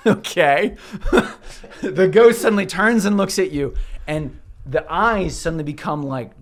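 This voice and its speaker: A man with a fairly high voice works as game master for a tabletop role-playing game. He improvises scene descriptions in an informal, joking way and often breaks off to correct himself. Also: unhurried. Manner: informal, joking, self-interrupting.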